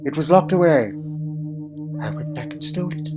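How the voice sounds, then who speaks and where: A man's voice: fairly high pitch, fairly even intonation, normal speed, lightly acted. A man playing a crotchety, secretive old alien grandfather in a fan audio drama, with hesitant muttering, hums and pompous phrasing. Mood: musing, explaining. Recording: music laid under the voice.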